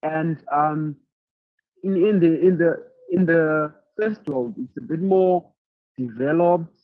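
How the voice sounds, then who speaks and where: Man from Zimbabwe, halting, tinny call audio. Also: fairly high pitch, no echo. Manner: thoughtful, halting, repeats words while searching for them. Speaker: leadership speaker answering questions. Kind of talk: online masterclass Q&A.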